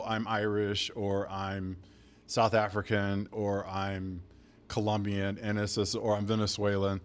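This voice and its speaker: A man from Chicago hosts a podcast interview at a museum, talking in an easygoing, conversational way. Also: on the low side. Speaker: podcast host. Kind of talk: casual interview chat. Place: museum near a university campus.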